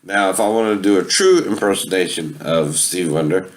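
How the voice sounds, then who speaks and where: Speaking a little fast in a low voice, a man casually explains a tape deck for an amateur video. He mixes sung impersonations into the instruction and keeps tagging "right?" onto the ends of his phrases.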